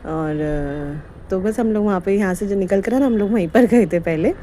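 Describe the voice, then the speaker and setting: A chatty woman, rambling from one detail to the next. Her voice is soft and mellow rather than bright. A faint hiss sits under the voice-over. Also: mid-range voice, moderate pace. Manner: chatty, rambling storytelling with frequent laughs. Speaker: vlogger. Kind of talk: casual vlog narration.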